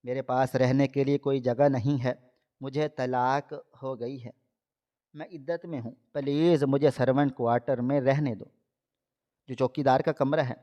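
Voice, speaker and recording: A young married woman pleads and insists she is innocent, voiced by a man reading a storybook. The voice sits at a middle pitch and stays close to a plain reading tone. The audio is dull and lo-fi. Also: steady tone, close to an everyday voice. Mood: pleading.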